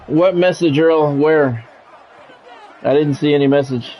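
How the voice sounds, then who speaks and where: Over background music on a dull lo-fi mic, a man with a slightly high, darkish voice speaks at a measured pace. He's American, doing live play-by-play of a football video game in clipped radio-sportscaster bursts while casually talking with stream viewers.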